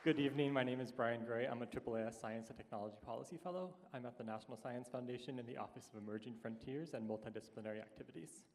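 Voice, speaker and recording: A man, a science policy fellow, giving a brisk self-introduction. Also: medium pitch, crowd noise, noisy background. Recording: distant mic, hall reverb.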